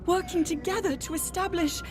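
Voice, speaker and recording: Princess Zelda, high gentle voice. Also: female voice, fairly even intonation, brisk. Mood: studious wonder. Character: young princess scholar, gentle, earnest, eagerly curious. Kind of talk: video game cutscene voice acting. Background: music.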